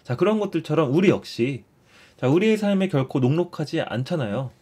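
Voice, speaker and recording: A man's voice: a little high, animated, a little fast, breathy edge. Man giving a casual catechism lesson. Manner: explains warmly, repeats phrases, often starts with "자".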